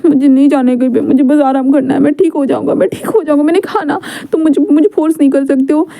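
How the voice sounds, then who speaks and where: A woman voicing a withdrawn, depressed young man who talks softly and hesitantly, repeating himself. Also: a little high, little pitch movement, normal speed, vocal fry. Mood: pleading.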